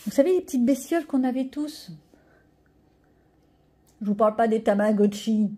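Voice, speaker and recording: A middle-aged woman vlogger chats casually as she shows her viewers a haul. Her voice is very dark and mellow, with a husky grain, and sits a little high. She rambles and keeps teasing herself along the way. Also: normal speed. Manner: rambling, chatty, self-mocking asides. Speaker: vlogger showing a coloring-book haul. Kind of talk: casual chat to camera.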